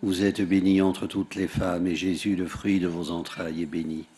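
A man leading a recited rosary outdoors at a lectern microphone, in a steady, measured voice whose lines fall away at the end. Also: low-pitched, a little hiss or hum. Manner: steady, measured recitation with falling line ends. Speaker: prayer leader at an outdoor rosary. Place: outdoors at a large rock grotto.

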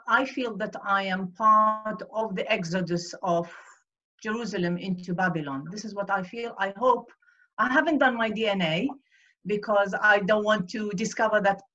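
A woman in her sixties from Iraq, a guest speaking from a room at home over a video call, earnestly recalls her life, often searching for words. Her voice is mid-range, bright and forceful, and the audio is dull and lo-fi.

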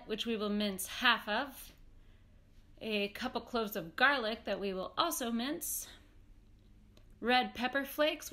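A woman's voice: on the high side, sharp tone, roomy sound. A young woman hosting a casual cooking tutorial in a small home kitchen, chatty and upbeat as she cooks, recorded on a camera mic at a distance. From Washington State. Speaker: cooking show host.

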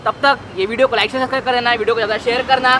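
Talking very fast over background noise and music, a high-voiced, upbeat young food vlogger from Maharashtra, India, gives a casual review. He's chatty and loud to camera on the street beside a bus, then settles into a quieter, relaxed manner while eating inside the bus restaurant.

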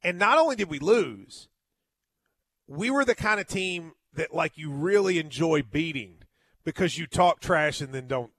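A male sports host delivers a solo postgame monologue in a fairly high voice. The sound is very dry. He is emphatic, often stopping and repeating words as he makes his point. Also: fairly bright tone, dry recording.

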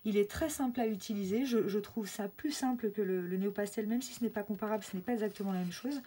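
A young woman chatting casually through an art-supply unboxing, excited and full of fillers and restarts. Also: mid-range voice, fast talker, slightly rough. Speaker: craft vlogger.

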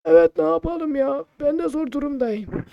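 A man voicing an old male market shopkeeper, fussy and pricey, in a loud, high, strained old-man voice for a game role-play. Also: normal speed, dull audio. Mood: haggling.

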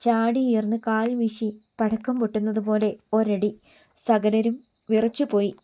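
A woman's voice: fairly high pitch, flat delivery, a little slow, mellow. A woman reading a dramatic story aloud as an audiobook narrator, voicing the characters' lines in her own voice.

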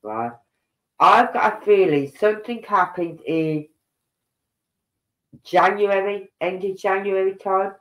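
An older man with a congested nose speaks slowly in a high, slightly bright voice with long pauses while hosting a casual true-crime livestream at home. He reads posts aloud, muses and rambles, and stops mid-sentence, and the recording is low quality.

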